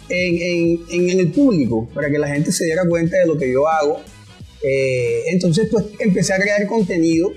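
Higher-voiced Colombian coastal man chatting. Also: darkish tone, husky. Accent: Colombian Caribbean coast. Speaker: interview guest, online comedy creator. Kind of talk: casual interview chat.

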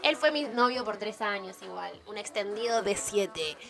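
A woman's voice: mid-range voice, animated, moderate pace, creaky, over music. A young woman with a Rioplatense Spanish accent hosting a casual live-streamed chat, telling stories playfully. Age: young adult. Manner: playful storytelling with voiced asides. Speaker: host.

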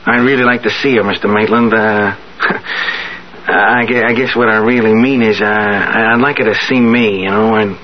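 A man's voice: fairly low pitch, fairly even intonation, normal speed, slight background noise, lightly acted. An actor playing an eager young man in a 1970s radio drama, earnest and prone to stammering. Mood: nervous, pleading. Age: young adult. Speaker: young suitor. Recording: dull lo-fi 1970s radio broadcast.

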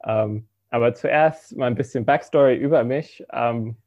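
A soft-spoken student ministry intern in his twenties, raised in the Philippines, gives a hesitant personal testimony full of fillers. His voice sits at medium pitch and a measured pace, and the recording sounds muffled.

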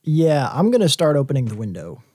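A woman's voice: deep voice, very animated, brisk, mellow, slightly rough, no echo. A woman playing in a tabletop role-playing game, talking in laid-back slang. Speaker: player. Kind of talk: casual chat at a game table.

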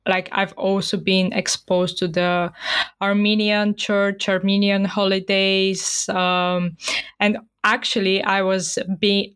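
A woman's voice: mid-range voice, fairly bright tone, clear, resonant tone. A young woman from Bulgaria hosting her own podcast, talking casually with lots of fillers. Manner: chatty, many fillers like "like" and "um". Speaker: podcast host. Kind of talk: casual solo podcast talk.

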